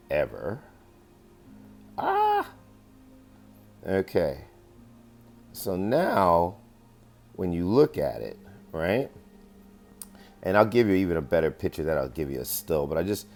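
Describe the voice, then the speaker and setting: A man's voice: low voice, gravelly, darkish tone. A man casually presenting his investigation to viewers, rambling with many fillers and often asking "right?". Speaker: amateur investigator presenting findings. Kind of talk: casual screen-share presentation.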